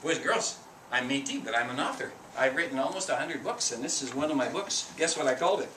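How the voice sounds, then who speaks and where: Lively male storyteller reading to children. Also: mid-range voice, fast talker, a little hiss or hum. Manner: animated, talks to the children, asks questions. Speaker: author and storyteller. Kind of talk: reading a picture book to children. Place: school room. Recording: roomy, distant mic.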